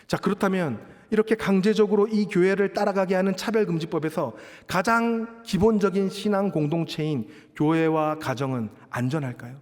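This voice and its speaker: A man in his thirties preaching a sermon as a pastor, emphatic and posing rhetorical questions to the congregation. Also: high voice. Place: large church sanctuary. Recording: long church hall reverb.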